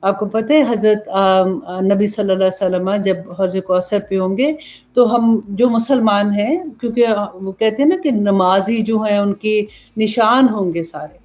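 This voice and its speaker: A woman's voice: mid-range voice, normal speed, a little mellow. A woman preacher giving an earnest religious lecture, asking questions and then answering them herself. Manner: earnest, explanatory, asks and answers own questions. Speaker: Islamic preacher.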